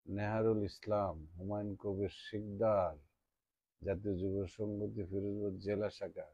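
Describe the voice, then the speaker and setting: A man's voice: lowish voice, mellow, no room sound, highs cut off. A middle-aged man hosting a political live stream, reading out the names of viewers as they join and greeting them. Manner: reads out joining viewers' names, checks sound often.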